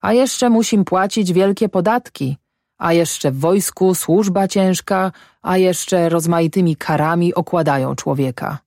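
A woman voicing a sick, thin old German settler in a storybook, speaking in a halting, broken way. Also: deep voice, expressive, a little mellow, dry recording, clean studio sound. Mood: weary.

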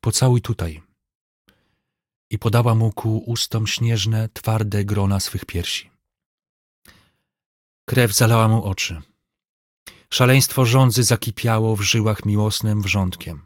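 Man, audiobook narrator, measured literary reading, low voice, dry recording. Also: fairly even intonation, no room sound.

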